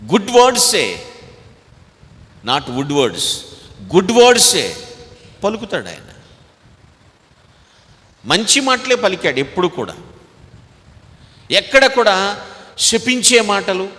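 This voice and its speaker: Emphatic Telugu pastor preaching in a hall. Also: male voice. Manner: emphatic preaching, swinging between loud exhortation and low asides. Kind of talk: sermon.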